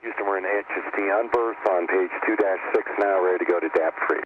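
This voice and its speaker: A man speaking from orbit over a crackly space-to-ground radio. His voice is deep and his calls come quickly. The link is narrow and muffled, with a steady hiss behind him. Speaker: shuttle astronaut on orbit. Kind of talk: clipped radio procedure calls.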